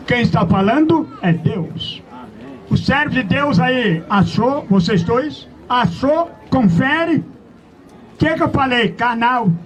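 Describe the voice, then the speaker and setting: High-voiced man preaching outdoors. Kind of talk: open-air sermon. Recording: dull lo-fi outdoor recording.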